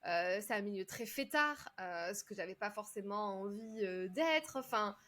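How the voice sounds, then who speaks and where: A woman's voice: medium pitch, lively intonation, normal speed, a bit bright. A woman from France, a public speaking coach, telling her story in a casual, chatty interview, with lots of fillers and restarts.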